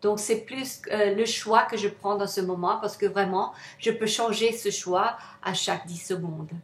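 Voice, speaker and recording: A woman's voice: medium pitch, normal speed. A woman with a non-native accent gives an informal motivational self-help talk as an author, often searching for words. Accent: foreign, non-native French. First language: not French. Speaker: author presenting her self-help manual. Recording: echoey, roomy sound.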